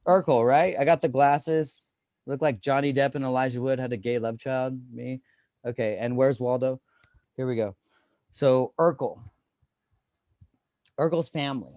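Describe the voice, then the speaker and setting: A man's voice: medium pitch, fairly even intonation, moderate pace, pauses often, darkish tone, no echo. A man in his thirties doing a stand-up comedy set, rambling and self-deprecating with lots of fillers.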